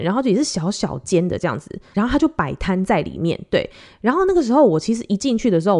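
Taiwanese woman, late 30s, podcast host, animated storyteller with a wide, lively pitch. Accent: Taiwanese Mandarin. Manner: chatty, animated, acts out quoted dialogue. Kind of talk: casual storytelling monologue.

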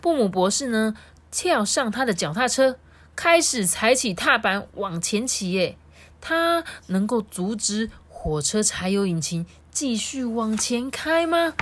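Mom reading aloud. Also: female voice, on the high side, unhurried. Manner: lively, playful, chatty asides. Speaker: mother reading to her child. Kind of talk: reading a picture book aloud.

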